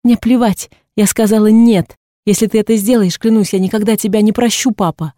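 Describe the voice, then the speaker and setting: A woman voicing a grieving, furious young daughter in an audiobook, with shrill, defiant outbursts. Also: flat delivery, a little fast, creaky, dark tone, slightly rough, no room sound, studio quality.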